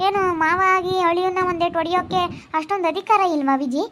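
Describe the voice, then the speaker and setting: A woman's voice: extremely high pitch, fast talker, a bit bright, a little hiss or hum. A woman acting a tearful young pregnant wife who keeps complaining about how her family hurts her, speaking while crying. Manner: plaintive, complaining. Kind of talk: amateur family drama.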